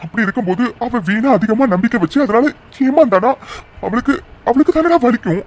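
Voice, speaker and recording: A man's voice: very high voice, lively intonation, brisk, darkish tone. A man voicing an anxious, stubborn middle-aged father in a cartoon drama, who repeats his words. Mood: exasperated.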